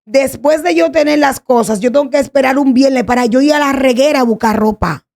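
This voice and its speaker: Woman, gravelly voice, earnest pleading testimony. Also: high voice, brisk, darkish tone. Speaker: guest sharing a testimony. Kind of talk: emotional personal testimony.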